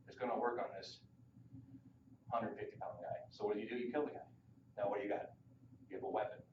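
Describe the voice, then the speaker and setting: Man presenting to a class, casual and jokey, lowish voice, far-off camera in an echoey room, muffled sound. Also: slight background noise. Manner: casual, jokey, acts out little dialogues. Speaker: student giving a speech. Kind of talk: informative class speech.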